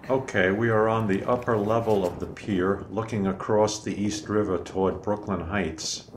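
Deep-voiced man narrating a pier walk. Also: steady tone, moderate pace. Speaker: videographer narrating a walking tour. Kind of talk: casual tour narration. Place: outdoors on a city pier by a river. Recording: camera audio with clear outdoor noise.

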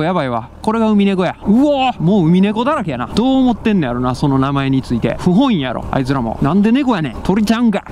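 A man's voice: fairly high pitch, a little mellow, a little hiss or hum. A young man with a Kansai accent chatting and joking to himself while he vlogs outdoors by the sea on an action camera mic. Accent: Kansai Japanese. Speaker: motovlogger. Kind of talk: casual vlog commentary.

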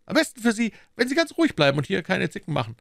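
A man's voice: sits high, very animated, rapid-fire, creaky, fairly bright tone, no room sound, clean studio sound, pitched above the performer's own voice, heavily acted. Brief: stern inspector, commanding, voiced by a male narrator, audiobook.

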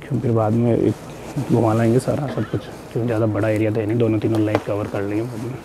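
A man's voice: fairly low pitch, level tone, very fast. A man with a North Indian accent and Hindi as his native language, a safari guide explaining informally to tourists in irregular non-native English. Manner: non-native English with irregular grammar and repeated tag "you know". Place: outdoors in an open safari vehicle. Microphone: camera a short distance away. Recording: faint outdoor noise and clicks.

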